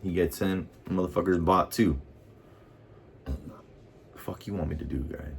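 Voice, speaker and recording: Man, American, casual vlog rant, heated and profane, extremely deep voice. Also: a little slow, vocal fry, slight background noise. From United States. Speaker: vlogger. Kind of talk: casual ranting monologue.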